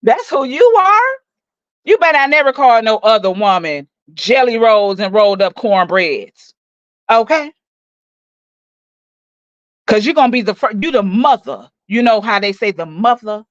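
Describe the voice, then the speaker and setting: A woman's voice: fairly high pitch, expressive, normal speed, pauses often, dry recording. Woman in her forties, profane mocking rant, dry dull lo-fi sound. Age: 40s. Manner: profane, mocking, loud insults. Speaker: livestream host. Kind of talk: angry roast rant.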